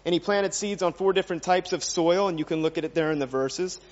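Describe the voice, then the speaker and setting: A man's voice: high voice, fast talker. A man preaching a sermon, earnest and full of questions for his listeners. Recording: dull sound with long reverb in a hall.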